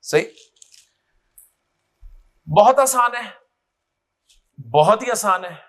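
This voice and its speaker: A man teaching a grammar class, talking slowly and drawing out words as he calls on students by name. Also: high-pitched, animated, a bit bright. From Pakistan.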